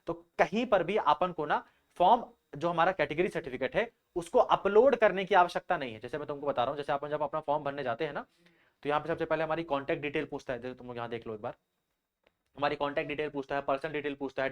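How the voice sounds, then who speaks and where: A young man teaching students about exam form filling in a casual, repetitive, explanatory way, often calling them bhaiya. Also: on the high side.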